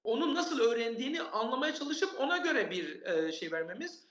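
A man's voice: very high-pitched, expressive, moderate pace, a bit bright. A man, an expert guest in an interview, earnestly explaining parenting and learning with lists of examples and repeated emphasis. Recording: echoey, dull remote audio.

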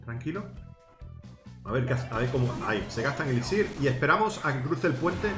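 A man giving excited gameplay commentary, coaching his teammates and shouting at big plays. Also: medium pitch, a little fast. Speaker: gaming YouTuber host. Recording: roomy sound with game music. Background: game music.

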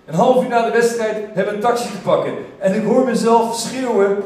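A man telling a humorous story to a live theater audience, lively and breaking into shouted exclamations. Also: sits high, a little fast. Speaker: stage storyteller. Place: theater stage. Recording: echoey theater from far off.

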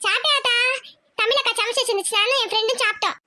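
A woman's voice: very high-pitched, rapid-fire, sharp tone, heavily acted. A woman voicing a chatty, cheerful little schoolgirl in a homemade cartoon. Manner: bubbly, chatty. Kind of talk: cartoon voice acting.

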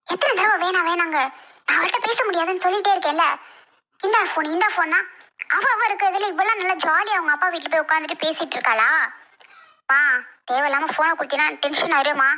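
A woman's voice: very high voice, pushed and bright. A woman voicing a stubborn, resentful young woman who answers curtly, in a homemade family skit. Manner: curt, resentful.

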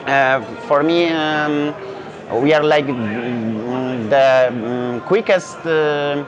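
Over music, a young brewery founder from Poland, a native Polish speaker, speaks very slowly in a mid-range voice. He answers interview questions in Polish-accented English at an indoor beer festival hall, with many fillers and restarts. The lapel-mic recording sounds dull and lo-fi, with the chatter of the festival crowd around him.

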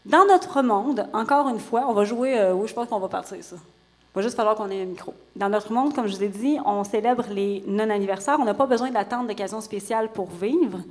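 A woman's voice: mid-range voice, a little fast, darkish tone, in a large hall. A Québécois woman hosting a live stage talk show, bubbly and teasing, laughing easily. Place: stage before a live audience.

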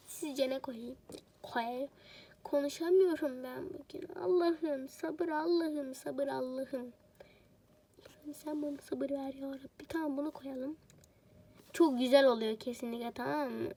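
Chatty high-voiced woman, slightly sick. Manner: chatty, rambling self-talk with jokes. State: sick, voice a bit off. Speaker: game streamer. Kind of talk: casual gameplay commentary.

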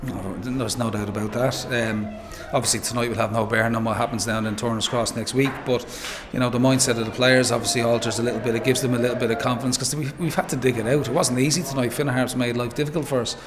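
A man in his forties with an Irish accent, a football manager giving a measured post-match interview, full of "um" and "you know". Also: medium pitch, steady tone, background noise. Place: pitchside interview backdrop, noisy. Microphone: handheld interviewer mic.

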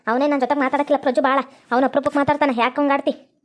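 A woman's voice: high voice, level tone, racing. A woman with a North Karnataka Kannada accent, voicing quarrelsome, scolding women in a cartoon story. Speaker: narrator voicing every female figure. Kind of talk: cartoon voice acting.

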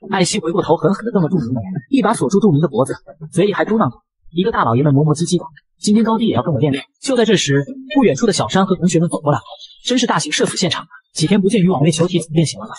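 A man narrating a manga recap in a brisk, breathless scripted delivery. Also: high voice, breathy edge.

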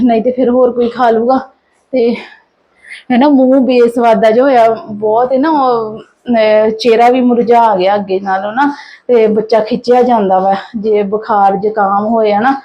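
A woman's voice: fairly high pitch, lo-fi sound. A sleep-deprived mother, chatting casually in a family vlog, tired and worried and full of fillers and restarts. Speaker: vlogger and mother.

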